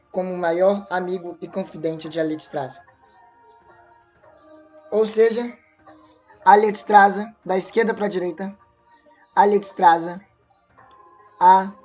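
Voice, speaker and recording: A woman's voice: fairly low pitch, a little mellow. A woman narrates a fantasy story, reading along with small slips and restarts. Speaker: lore narrator. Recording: dull lo-fi voice with faint music.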